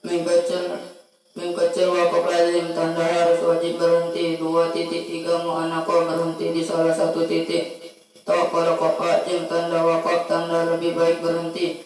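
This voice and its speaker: Male student, high monotone, rote rapid recitation with chanted Arabic terms; distant mic in a very echoey room. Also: faint music behind. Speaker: student taking an oral exam. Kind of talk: reciting memorized recitation rules.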